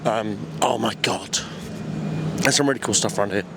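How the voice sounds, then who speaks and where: A man's voice: fairly low pitch, moderate pace. A young man from the UK casually narrating a travel vlog outdoors, chatty and enthusiastic with a slangy way of talking, recorded on a handheld camera. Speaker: vlogger. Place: outdoors in a city and at a racetrack. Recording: outdoor street noise behind.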